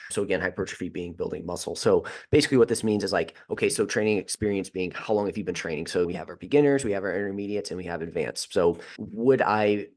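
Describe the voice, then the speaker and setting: A man's voice: on the low side, darkish tone. A man hosting a solo question-and-answer podcast, talking off the cuff, often restarting and repeating words, and pushing harder on his main points.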